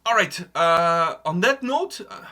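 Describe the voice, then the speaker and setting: Middle-aged guy cohosting a chill podcast, high voice, swears a lot, lots of "i, i, i" restarts. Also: animated, a little slow, pushed and bright. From Portugal. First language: Portuguese. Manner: stammering restarts, frequent swearing. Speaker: co-host. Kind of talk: casual podcast banter.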